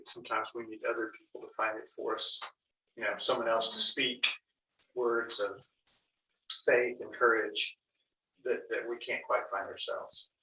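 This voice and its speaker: A man in a church group discussion, speaking in a flat, earnest way. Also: lowish voice, moderate pace. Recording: roomy room, distant mic.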